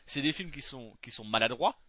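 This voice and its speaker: A man's voice: mid-range voice, animated, moderate pace, pushed and bright, no echo. A man commenting casually on a film with a co-host, joking crudely and restarting his sentences often.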